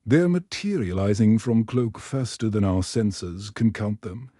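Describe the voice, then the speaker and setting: An alarmed woman security chief reports urgently under attack, as a man reads her. The voice is mellow and dark-toned. It sounds close and dry, like a storybook reading. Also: fairly low pitch, measured pace, dry recording.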